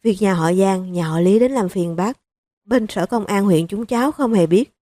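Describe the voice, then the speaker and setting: A woman's voice: medium pitch, normal speed, no room sound, lightly acted. Woman voicing a blunt hot-tempered police chief. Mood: firm. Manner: blunt, forceful, cursing.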